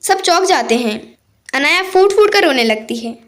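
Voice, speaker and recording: A woman narrating a family moral story in a steady, plain way. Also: extremely high pitch, moderate pace.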